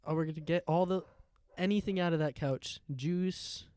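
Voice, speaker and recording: A man's voice: fairly high pitch, normal speed, a little mellow, clean tone, no room sound, lightly acted. A man playing a pushy polite telemarketer. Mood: pitching. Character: male telemarketer, overly polite pushy salesman.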